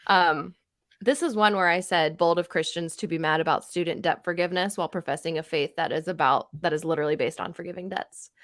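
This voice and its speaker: A woman's voice: lowish voice, steady tone, fast talker, a bit bright, no room sound, studio quality. A woman co-hosting a podcast, chatting casually and reading hostile comments aloud in mocking voices. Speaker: podcast co-host.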